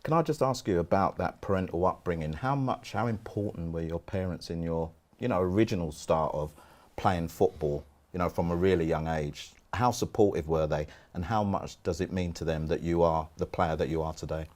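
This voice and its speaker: A male interviewer with a low voice opens the conversation and asks the questions. He talks in a chatty, encouraging way. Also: fairly quick, a little mellow.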